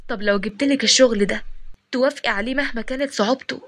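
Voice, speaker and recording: A talkative young Egyptian woman coaxes and scolds her friend in a rush of words, voiced by a woman storyteller. Her tone is persuasive and a little high. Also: rapid-fire, close to an everyday voice. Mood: chatty. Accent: Egyptian Arabic. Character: young woman, loyal chatty friend and shop worker.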